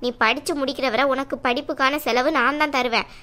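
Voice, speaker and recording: Woman as a stubborn young cartoon woman, high bright voice, blunt, argumentative. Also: fairly even intonation, a little fast. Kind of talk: cartoon dialogue.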